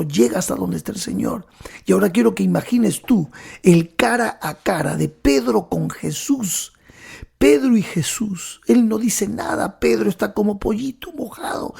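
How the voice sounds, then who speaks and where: A man preaching a sermon, telling the story dramatically and often dropping to a hushed whisper while speaking directly to the listener. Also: sits high, creaky, breathy edge.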